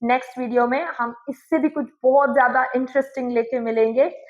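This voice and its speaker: A woman, an English teacher giving a phonics lesson, sounding out word parts slowly and then saying the whole word. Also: high voice, fairly even intonation, phone-quality sound.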